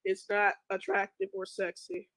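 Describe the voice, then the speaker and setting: A woman guest in a casual chat, agreeing with short interjections and talking slowly. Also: mid-range voice, sing-song, gravelly, fairly bright tone, no room sound, poor audio.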